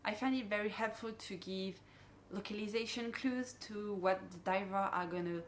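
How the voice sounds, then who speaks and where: This dive instructor and guide, a woman with a French accent and non-native English phrasing, explains safety procedures straight to the divers in her briefing. Her voice is mid-range and her pace moderate, over a slight hiss or hum.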